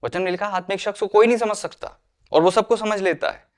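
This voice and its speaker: A man's voice: high voice, fairly quick. A man preaching an earnest sermon, mixing English phrases into his talk and acting out the people he quotes. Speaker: pastor.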